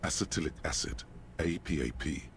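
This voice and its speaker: A man's voice: extremely low pitch, fairly quick, a little hiss or hum, pitched below the performer's own voice. A man voicing the wry, ominous inner voice of a detective, narrating a video game with drama. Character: brooding inner voice of a male detective.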